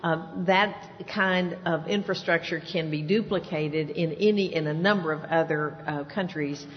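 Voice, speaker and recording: A woman bishop answers a panel question in a very low voice, steady and informative. Her words hang in a long hall reverb. The recording is muffled and lo-fi. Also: a little slow. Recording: reverberant hall, dull lo-fi sound.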